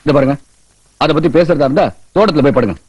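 An actor with a Tamil accent playing a terse son-in-law who answers in short, curt lines. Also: male voice, fairly high pitch, fast, a little mellow, slightly rough, dry recording, poor audio. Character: young widowed son-in-law, terse and guarded. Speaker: film actor.

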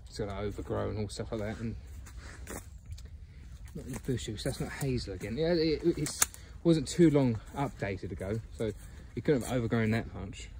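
A man's voice: mid-range voice, expressive, moderate pace, dark tone, slight background noise. A man filming a casual outdoor walk-and-talk vlog on a phone, rambling with many ums and chuckles. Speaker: geocaching vlogger. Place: outdoors by a fence and bushes.

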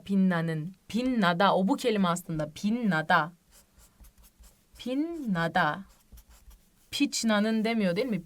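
A woman teaching a language lesson online, patient and reassuring, repeating each example word slowly and often checking in with her students. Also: medium pitch. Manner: asks the class frequent tag questions. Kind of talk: online lesson explaining reading rules.

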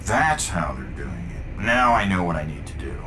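A man playing a confident, stubborn inventor in an armored suit for a video game, with a gravelly voice. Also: deep voice, big pitch swings, normal speed, over music, poor audio. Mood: focused.

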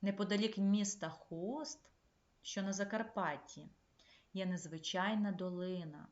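A woman primary school teacher giving a remote lesson, speaking in clear, measured instructions to young pupils. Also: medium pitch, fairly even intonation. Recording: echoey, slightly dull room recording.

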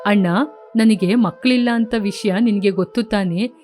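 Village man, kindly, coaxing, lowered voice, storybook, woman voicing. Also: moderate pace, music in the background, close to an everyday voice. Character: grieving village uncle, kindly younger brother.

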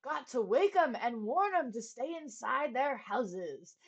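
A woman voicing a frantic young boy page, shouting breathless warnings in a storybook reading. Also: sits high, lively intonation, slow, husky, heavily acted. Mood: urgent alarm.

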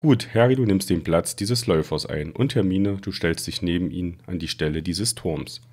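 A man's voice: sits low, moderate pace, darkish tone. A man voicing an eager young wizard boy who gives chess instructions in a storybook reading. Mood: instructing.

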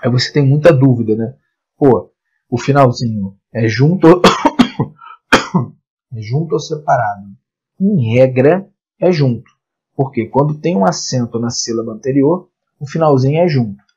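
A man teaching exam-prep grammar, asking and answering his own questions in a lively lecture. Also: mid-range voice, moderate pace, pauses often, slightly rough, muffled recording. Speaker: Portuguese teacher.

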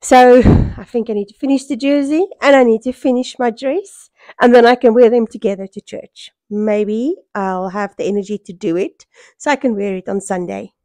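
A middle-aged South African woman with a hoarse voice worn by a cold, chatting casually in a home vlog. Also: a little high, steady tone, normal speed, warm tone, no room sound. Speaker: sewing vlogger. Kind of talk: casual vlog chat to camera. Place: small furnished room at home, indoors. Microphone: small microphone held near the mouth.

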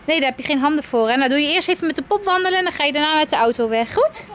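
A mother in her twenties films a family vlog at home and out on the street, coaxing her toddler in a sing-song way and laughing often. Her high voice is animated, racing and a bit bright, with slight background noise.

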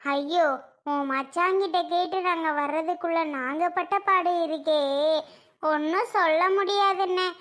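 A woman's voice: very high-pitched, fairly even intonation, a little slow, fairly bright tone. A woman playing a chatty, fretful younger sister visiting her elder brother in a home-made family drama skit.

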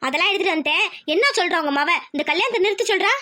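A woman voicing a scheming, sharp-tongued village aunt in a homemade cartoon, speaking coldly and cuttingly. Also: very high voice, racing, voice pushed down. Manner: cold, cutting, threatening. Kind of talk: cartoon voice acting.

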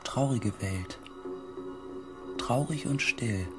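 In a science fiction radio play, a man with a mid-range voice plays a reflective expedition member narrating his report in a measured, literary way. The mood is somber and reflective, with music in the background.

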